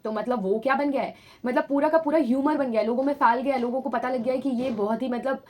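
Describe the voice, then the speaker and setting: Woman, high voice, teaching vocabulary patiently, repeats points and checks in with learners. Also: fairly even intonation, fast talker, darkish tone. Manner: patient, repetitive explaining, checks understanding often. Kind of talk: bilingual vocabulary lesson.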